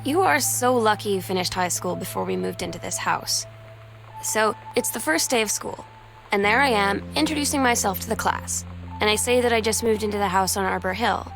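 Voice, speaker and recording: A woman's voice: medium pitch, brisk, gravelly, music in the background, lightly acted, low-quality recording. An actress voicing a sardonic teenage girl who confides in her older sister, in game voice-over narration. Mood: wry. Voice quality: sardonic, self-mocking.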